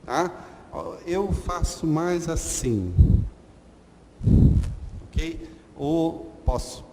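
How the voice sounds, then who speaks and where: A male Hebrew teacher with a medium-pitched, slightly mellow voice gives an online lesson at a whiteboard. He goes slowly and patiently, repeating letter sounds and often asking "ok?". The room has a long reverb and faint noise.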